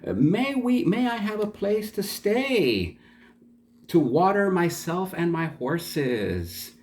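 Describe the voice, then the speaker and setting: A man's voice: sits high, sing-song, slow, a little mellow, voice pushed up, heavily acted. A man storyteller voicing a wealthy, flirtatious merchant man who speaks in a raised, forward voice.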